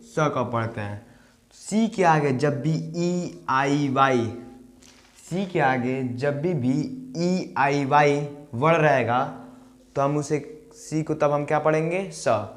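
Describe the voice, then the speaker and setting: A man teaching beginners a grammar lesson, drilling rules with repeated questions and playful asides. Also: on the high side. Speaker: English tutor.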